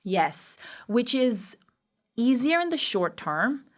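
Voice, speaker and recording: As a guest on a podcast, a Pakistani woman from Karachi recounts her personal story in a candid interview, sounding reflective, emphatic and articulate. She speaks slowly, her voice on the high side with big pitch swings.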